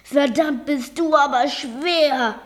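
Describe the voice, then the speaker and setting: Reader voicing a loud, indignant storybook grouch, high-pitched and raging. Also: female voice, very animated, takes it slowly, exaggerated voice. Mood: angry shouting. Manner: shouting, indignant. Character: angry middle-aged male minigolf owner.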